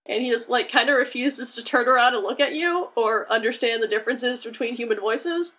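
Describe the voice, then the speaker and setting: Bright, animated woman podcast co-host. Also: a little high, brisk. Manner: animated storyteller, acts out characters. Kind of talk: casual chat.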